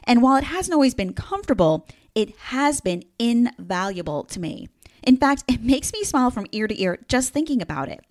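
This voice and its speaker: A woman's voice: on the high side, darkish tone. A woman in her fifties with a New Jersey accent, hosting a solo podcast in an upbeat, emphatic, playfully sarcastic way. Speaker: podcast host.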